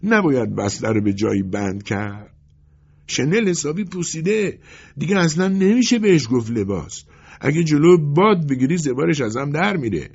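Storybook tailor: a man playing a gruff, stubborn old craftsman, gravelly and raspy, lo-fi. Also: a little high, big pitch swings, pitched above the performer's own voice, full character voice. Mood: blunt. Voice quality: blunt, matter-of-fact. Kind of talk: audiobook character voice. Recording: dull lo-fi recording.

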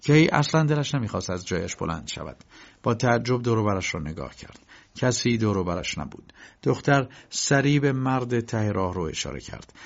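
A man narrating an audiobook in a measured storytelling manner. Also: on the low side, gravelly. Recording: dull lo-fi recording.

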